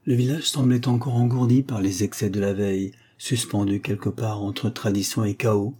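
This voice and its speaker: Man, audiobook narration, measured, low voice, husky tone. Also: steady tone, mellow. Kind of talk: scripted narration.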